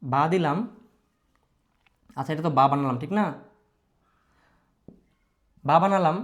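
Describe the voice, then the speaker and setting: A man with a Bangladeshi Bengali accent teaching a Quran recitation lesson, patiently repeating rules, asking his pupils questions and modelling long drawn-out sounds. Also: on the high side.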